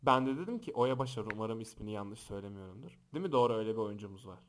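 A young man hosting a podcast, telling funny stories and acting out the shouting people in them. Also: on the low side, very fast, slight background noise. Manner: animated, acts out quoted shouts and voices. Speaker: podcast host. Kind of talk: casual podcast storytelling. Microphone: close podcast microphone.

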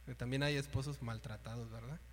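A man's voice: mid-range voice, fairly even intonation, a little fast, slight background noise. Guy preaching, chatty sermon w/ lots of asides, long church echo. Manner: conversational, uses colloquial asides and rhetorical questions. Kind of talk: informal sermon. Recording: long church-hall reverb.

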